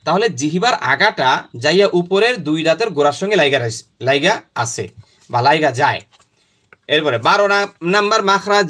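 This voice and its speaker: Bright-voiced man teaching pronunciation. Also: sits high. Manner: repetitive, demonstrating sounds slowly and often. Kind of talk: step-by-step pronunciation lesson.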